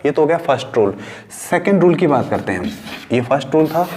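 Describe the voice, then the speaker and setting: A man's voice: a little high, animated, a little fast, darkish tone, a little hiss or hum. A man from India teaching a science class, repeating key words and asking and answering his own questions as he writes on a board. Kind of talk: class lecture mixing Hindi and English. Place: room with a board.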